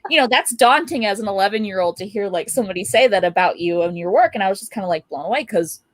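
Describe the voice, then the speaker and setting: A young adult woman, a guest artist, telling animated and upbeat stories about her life in a casual interview. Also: mid-range voice, fast, dry recording.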